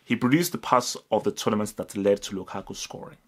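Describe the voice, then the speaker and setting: Young male host, lowish voice, lively, repeats words for emphasis, close to camera in a small room. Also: fast talker, slightly rough. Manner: animated, repeats words, stresses points. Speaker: football channel host. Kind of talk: direct-to-camera football analysis. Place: indoors, small room with curtains.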